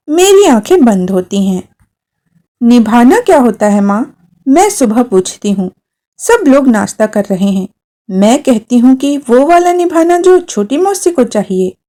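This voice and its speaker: A woman reading a literary short story aloud, telling it expressively as a young girl thinking to herself. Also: high-pitched. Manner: expressive, voicing a young girl's first-person thoughts. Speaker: story narrator.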